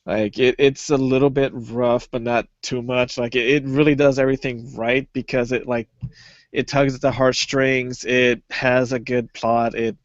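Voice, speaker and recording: A young man on a casual podcast, rambling through his thoughts with many "likes" and "uhs." His voice sits at a middle pitch, recorded dry and close with dull, lo-fi sound. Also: level tone, moderate pace, no room sound. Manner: rambling, filler-heavy, hesitant. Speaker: podcast co-host. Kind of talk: casual chat.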